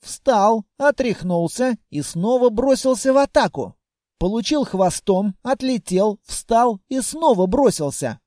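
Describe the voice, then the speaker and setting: A man narrating a fantasy audiobook in the first person with lively storytelling. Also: very high voice, unhurried, dry recording, studio quality.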